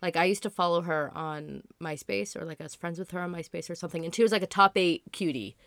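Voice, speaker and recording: A woman in her twenties hosting a podcast in a casual solo chat, hoarse from being sick, rambling and chatty with lots of "like" fillers. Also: fairly low pitch, fast, fairly bright tone, dry recording, studio quality. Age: 20s. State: hoarse from illness. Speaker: podcast host.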